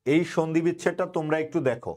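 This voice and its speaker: A man's voice: a little high, fast, darkish tone. A young man teaching an online grammar class for an admission coaching, who keeps drilling his students by asking a question and then answering it himself.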